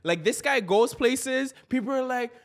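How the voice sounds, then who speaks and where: Male co-host, voice a bit high, slangy, rambling, hesitant conversational delivery. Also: lively intonation, fairly quick, fairly bright tone. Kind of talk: casual political chat.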